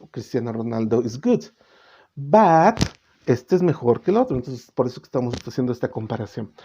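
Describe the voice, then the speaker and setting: A man's voice: medium pitch, darkish tone. Man teaching English grammar. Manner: switches between Spanish and English, checks in with "¿ok?"; slows down to model English words. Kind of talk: bilingual grammar lesson. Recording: slightly dull recording with faint noise.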